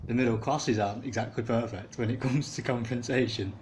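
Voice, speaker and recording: A man's voice: medium pitch, fairly quick, a little mellow, a little hiss or hum, rough recording. A man, giving rambling, casual commentary as he walks along a city canal. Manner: rambling, chuckling asides. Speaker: canal walk video maker.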